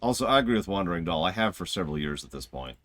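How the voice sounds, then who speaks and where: A man's voice: sits low, lively intonation, rapid-fire, a bit bright, no room sound. A man doing casual, opinionated live commentary as a game review streamer, analytical in his manner.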